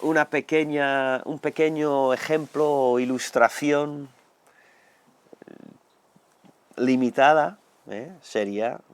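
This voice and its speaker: An older man from Spain with a Spanish accent, preaching a conversational sermon while hoarse from a lingering cold, often slipping into acted quotes. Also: mid-range voice. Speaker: pastor.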